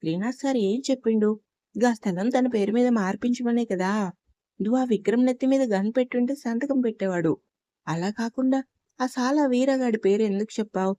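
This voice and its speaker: A woman's voice: fairly high pitch, fairly quick, mellow, no echo, close to an everyday voice. Lady doing a grumpy sidekick guy, dry close sound. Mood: irritated. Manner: irritated, blunt. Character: irritated young male sidekick, rough-spoken.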